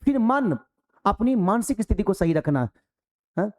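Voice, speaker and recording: A male teacher giving a lively classroom lecture, animated and preachy, full of rhetorical questions. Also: high-pitched, moderate pace.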